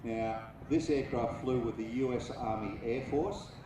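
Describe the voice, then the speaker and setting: Guy doing airshow commentary on old planes, far off on echoey speakers outside, measured and factual. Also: medium pitch. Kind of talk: live airshow commentary on aircraft history. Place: outdoor air festival over loudspeakers. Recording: echoey distant PA, loud engine noise. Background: aircraft and vehicle noise, outdoor ambience.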